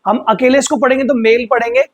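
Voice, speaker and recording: A man teaching English vocabulary in Hindi, explaining patiently and slowly repeating words for pronunciation. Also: extremely high pitch, fairly even intonation, no echo, dull audio. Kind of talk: vocabulary lesson.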